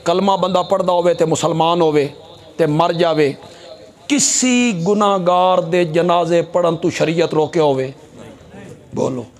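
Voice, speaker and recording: A man preaching a sermon at a religious gathering, swinging between hushed asides and loud rising exhortation, full of rhetorical questions. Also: fairly high pitch, measured pace. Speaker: Islamic scholar preaching. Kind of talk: fiery Punjabi sermon. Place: conference gathering.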